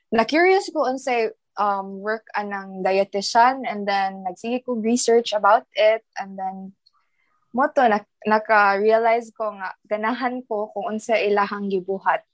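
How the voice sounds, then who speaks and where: A woman's voice: mid-range voice, dry recording, poor audio. A twenty-year-old woman with a Cebuano accent, a student guest talking thoughtfully and mixing Cebuano into English. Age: 20s. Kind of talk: casual podcast chat.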